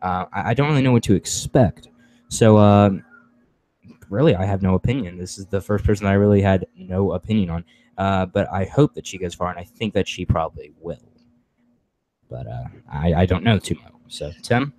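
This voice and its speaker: A young man hosting a casual online group chat, briskly calling on others by name and moving things along. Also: deep voice, a little mellow, dry recording, low-quality recording. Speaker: host running a cast assessment.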